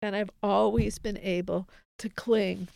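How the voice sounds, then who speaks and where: Woman, middle-aged, gravelly voice, earnest testimony, dry close sound. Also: mid-range voice, fairly even intonation, a little slow, darkish tone, no echo. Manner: earnest, reflective, quotes others in dialogue. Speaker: interview guest. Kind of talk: candid faith testimony.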